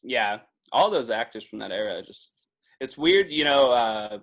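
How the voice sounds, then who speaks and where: A man's voice: medium pitch, lively intonation, unhurried, fairly bright tone. A man in his twenties, a podcast guest chatting casually, laughing often and filling his talk with "like". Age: 20s. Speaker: podcast guest, video producer.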